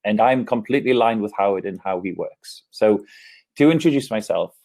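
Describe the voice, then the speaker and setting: Upbeat English man, low mellow voice. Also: lively intonation, brisk, vocal fry. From England. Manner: upbeat, gestures with his hands as he talks. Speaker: keynote speaker. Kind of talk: online conference presentation. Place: office, indoors. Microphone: earphone mic on a video call.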